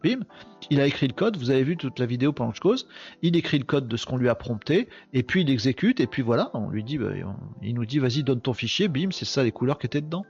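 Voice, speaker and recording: Chatty excitable man with a gravelly voice. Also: mid-range voice, fast, highs cut off, faint music behind. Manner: chatty and excitable, punctuates with exclamations. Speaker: host of a live tech show. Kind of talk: casual live commentary.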